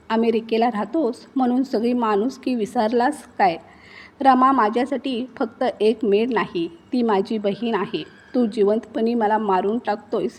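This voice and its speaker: A woman's voice: on the high side, darkish tone. A woman voicing a stern, righteous old father who scolds his grown son in fury. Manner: scolding, indignant outbursts.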